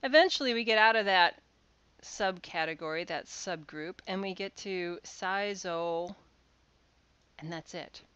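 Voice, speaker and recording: Female lecturer, smooth lower voice, dry close mic, dull lo-fi sound, patient explanatory delivery with fillers. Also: a little slow, fairly bright tone, no room sound. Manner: explanatory, with frequent "uh" and restarts. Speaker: university lecturer. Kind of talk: recorded course lecture.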